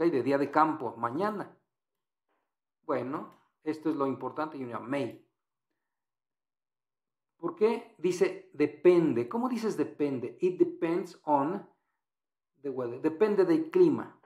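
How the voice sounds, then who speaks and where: Slow, patient male English teacher. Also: a little high, a little mellow, echoey room. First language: Spanish. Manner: patient, repeats and translates phrases. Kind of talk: explaining exam answers.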